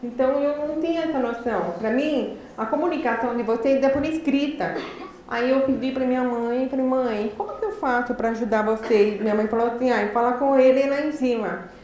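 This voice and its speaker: A woman with a Brazilian Portuguese accent telling a personal story in a lecture, articulating words deliberately and with effort, in a lively, animated way. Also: sits high. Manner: deliberate, effortful articulation of a speaker who learned speech late. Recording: very echoey hall, faint background noise.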